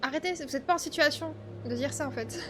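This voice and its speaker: A woman's voice: high-pitched, fast talker, over music. A woman giving chatty, informal commentary as she plays a story game, muttering asides. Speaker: game streamer. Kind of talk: casual gameplay commentary, reacting to a story game.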